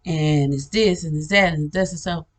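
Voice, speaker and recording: Speaking at a moderate pace in a low-pitched voice, the host of a spiritual channel earnestly recounts a vision she had. Her telling is loose and meandering, full of restarts and frequent bursts of laughter.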